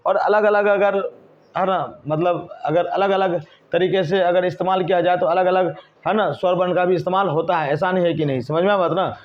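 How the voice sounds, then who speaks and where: High-voiced man teaching grammar, lo-fi. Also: fairly even intonation, normal speed. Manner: repeats questions to the class and answers them himself. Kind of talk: whiteboard grammar lesson. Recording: dull lo-fi recording.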